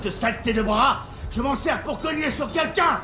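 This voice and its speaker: A man's voice: very high voice, moderate pace. An actor playing a jubilant, battle-hungry male Viking warrior in a French video game, with a grand, swaggering delivery. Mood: carefree. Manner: grand, swaggering, swings into shouts. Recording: roomy echo with music behind.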